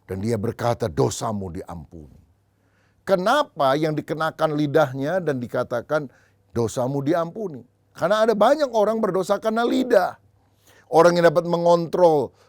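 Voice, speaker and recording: A man's voice: a little high, no room sound. A middle-aged man preaching in church as pastor, telling humorous stories and acting out the dialogue. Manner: storytelling, acts out dialogue in anecdotes. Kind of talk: sermon with humorous anecdotes.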